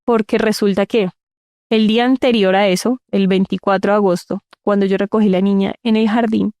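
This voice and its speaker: A woman's voice: mid-range voice, fairly even intonation, fairly quick, a little mellow, dry recording, clean studio sound. A woman, telling her own story in an interview, earnest and repeating words for emphasis. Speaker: interview guest. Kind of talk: personal storytelling in conversation.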